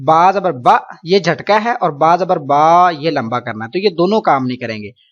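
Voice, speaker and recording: A man from Pakistan teaching Quran reading in an online lesson, explaining patiently with English words mixed in and drawing syllables out slowly for students to repeat. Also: on the high side, expressive, dull audio. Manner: slow drawn-out syllables for repetition.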